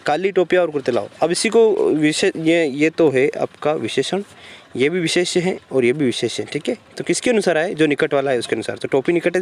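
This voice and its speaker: Grammar teacher, male, fairly high voice, patient lecture pacing, keeps checking in with "okay". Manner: explains step by step, asks and answers his own questions, repeats "ठीक है". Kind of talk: classroom-style grammar lecture.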